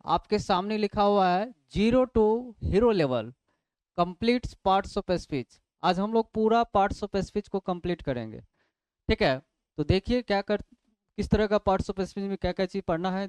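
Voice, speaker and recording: A man's voice: sits high, darkish tone, clear, resonant tone, no echo. A man teaching English grammar in a classroom lecture, asking questions and answering them himself step by step. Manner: explains step by step, asks and answers his own questions.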